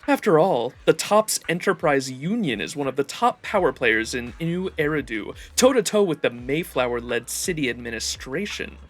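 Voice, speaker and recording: A man voicing a worldly, cynical video game collector in a measured, formal, knowing manner. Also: fairly high pitch, very animated. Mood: wary, knowing. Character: worldly, cynical collector wary of high society. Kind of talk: reading story-game dialogue aloud.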